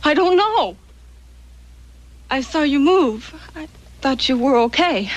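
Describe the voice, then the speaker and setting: A woman's voice: high-pitched, lively intonation, takes it slowly. An actress playing a nervous young woman singer, guarded and frightened, in a TV crime drama.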